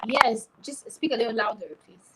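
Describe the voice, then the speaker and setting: Speaking French in a relaxed interview, this podcast host, journalist and entrepreneur describes herself, having been born in Cameroon and grown up in Tanzania. She talks at a moderate pace in a slightly high voice, and there is background noise.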